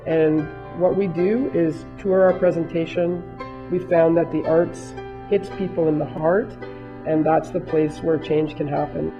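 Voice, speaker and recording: Woman teacher, documentary interview, flat tone, thoughtful pauses, guitar music behind. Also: deep voice. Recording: dull video clip with music behind.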